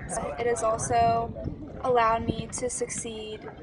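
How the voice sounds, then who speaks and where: A woman's voice: fairly high pitch, monotone, measured pace, over a noisy crowd. A twenty-year-old woman, a college runner, speaking in a thoughtful, explanatory way in a documentary interview.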